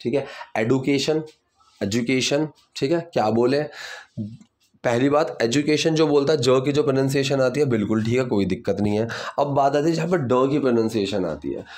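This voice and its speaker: Indian-accented male teacher explaining grammar, self-questioning, slows down for English examples. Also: medium pitch, a little mellow. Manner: breaks sentences into parts, asks and answers his own questions; reads English examples slowly and deliberately.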